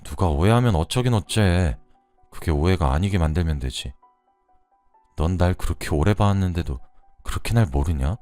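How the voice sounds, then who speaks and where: A man voicing a blunt, quiet middle-aged man with a Gyeongsang accent in a radio drama. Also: animated, dry recording, faint music behind. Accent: Gyeongsang Korean. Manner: blunt, low and slow. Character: gruff, taciturn middle-aged man, tender underneath.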